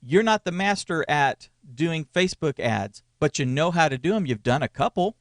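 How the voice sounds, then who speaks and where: A church media consultant in his forties co-hosts a casual ministry podcast, his slightly high voice animated at a moderate pace, recorded with no echo. He tends to ramble and restart his sentences, punctuated by small chuckles.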